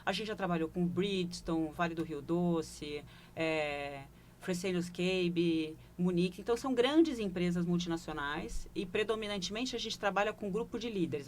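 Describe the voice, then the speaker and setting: This woman speaks at normal speed in a fairly low voice, with a little background noise behind her. She's a Brazilian-accented leadership consultant being interviewed in a broadcast studio, and as she reflects on her work she keeps checking in with brief questioning asides.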